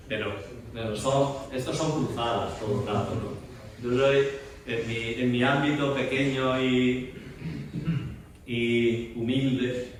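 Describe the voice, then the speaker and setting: A man's voice: mid-range voice, recorded from a distance, a little hiss or hum. Man lecturing in an echoey room. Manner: animated, reciting verse with emphatic shifts. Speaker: theater director and voice teacher. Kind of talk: lecture in a masterclass. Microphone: distant room mic.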